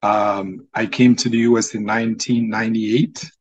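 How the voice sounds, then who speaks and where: A man in his forties from Morocco, a native Arabic speaker, introducing himself as a podcast guest in a measured way with frequent ums. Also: on the low side, flat delivery, husky, low-quality recording. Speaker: podcast guest, former student. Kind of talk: casual interview.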